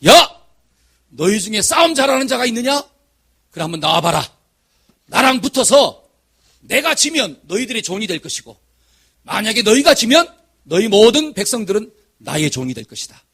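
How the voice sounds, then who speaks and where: A boastful giant warrior bellows taunts and threats in a husky voice that leaps up and down, as a male preacher acts him out. He sounds loud and sure of his strength. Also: a little high, expressive, brisk, pitched below the performer's own voice. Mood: taunting. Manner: shouting taunts.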